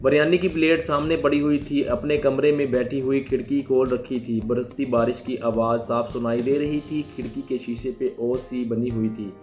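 A man's voice: mid-range voice, moderate pace, few pauses, faint music behind. A man reading a moral story aloud in a scripted narration. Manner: steady, even reading.

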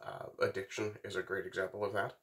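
A middle-aged man talks off the cuff in a fairly low voice. He is sick, and his nose is blocked, so he sounds stuffy and congested. His delivery is halting and rambling, with long pauses, as a vlogger speaking to camera. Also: little pitch movement, fairly bright tone. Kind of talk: unscripted casual monologue to camera. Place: small wooden workshop, indoors.

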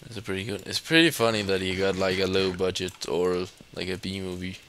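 Young male co-player, lowish pitch, sharp bright tone, casual gaming banter. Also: steady tone, brisk, slight background noise.

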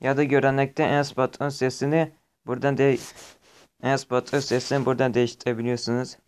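Man, medium pitch, casual tutorial presenter, plain step-by-step explaining, slightly noisy amateur recording. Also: flat delivery, a little fast. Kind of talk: casual screen-recorded app walkthrough.

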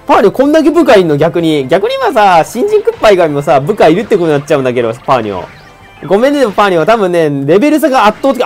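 A game streamer giving let's-play commentary, reacting with laughter and teasing remarks about the story. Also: medium pitch.

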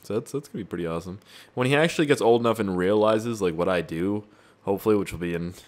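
A man's voice: fairly low pitch, quick pace. A man giving casual, rambling gameplay commentary, swearing freely and chatting to his viewers. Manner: rambling, profane, talks to viewers. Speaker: gaming YouTuber.

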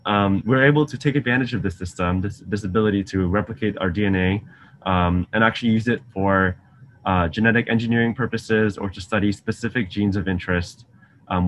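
This young male grad student from Singapore does science outreach teaching, giving a casual online lesson from a shelved lab office indoors. Heard over a webcam call with faint hiss, his lower voice is fairly quick and fairly bright with fairly even intonation. He's friendly and chatty, uses lots of ums and asks the students questions.

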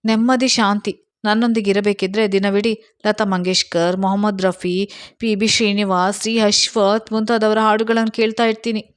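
A woman's voice: medium pitch, level tone, normal speed, clear, resonant tone, no echo, lightly acted. A woman reading a storybook voices a self-pitying young housewife who talks in a crying, complaining tone. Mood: plaintive.

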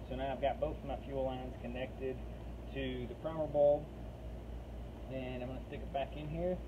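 Man explaining a repair, tinny phone audio. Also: mid-range voice. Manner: relaxed, step-by-step explaining while working with tools. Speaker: DIY repair vlogger. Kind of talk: casual how-to narration. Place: outdoors at the open back of a vehicle. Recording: tinny phone audio, noisy outdoor background.

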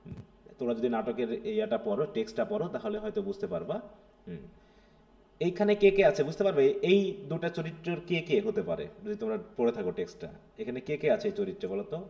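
A man's voice: high-pitched, lively intonation, fast, vocal fry, dark tone. A man teaching an English literature class live, mixing Bengali and English and often checking with his students. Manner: explains step by step, keeps checking with students.

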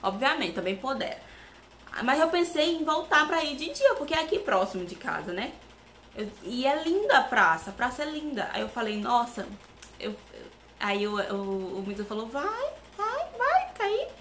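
A young Brazilian woman chatting to camera as a vlogger, animated and talkative, with many asides to her viewers, at home with a fan running. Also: a little high, moderate pace, echoey room, slight background noise. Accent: Brazilian Portuguese. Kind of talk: casual chat to camera.

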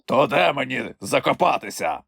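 A man's voice: medium pitch, very animated, slow, gravelly, fairly bright tone, husky, no room sound, clean studio sound, voice pushed up, exaggerated voice. A man doing a haughty, growling antlion villain. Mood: menacing. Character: fierce boastful male antlion, menacing. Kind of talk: audiobook character voice.

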